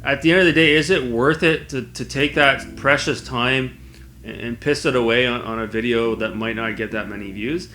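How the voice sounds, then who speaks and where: A man with a bright, forward voice talks casually as a video blogger. He rambles conversationally at an average pitch, with faint music around him. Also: normal speed. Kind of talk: casual spoken vlog to camera.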